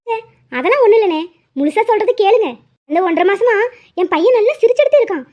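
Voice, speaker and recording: Lady doing a very high-pitched cartoon mom, warm and persuasive, kinda dull lo-fi sound. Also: lively intonation, quick pace. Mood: earnest. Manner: earnest, reassuring. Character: well-off middle-aged mother, kind and persuasive. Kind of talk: cartoon voice acting. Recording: dull lo-fi audio.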